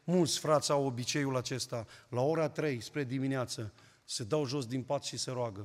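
A man preaching a fervent sermon as a pastor, swinging between loud and hushed passages. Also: mid-range voice, big-room sound. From Romania.

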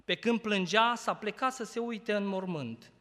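Male preacher, bright high voice, expository sermon with rhetorical questions, long church-hall reverb. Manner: expository preaching, rhetorical questions, loud emphatic peaks then quiet reading.

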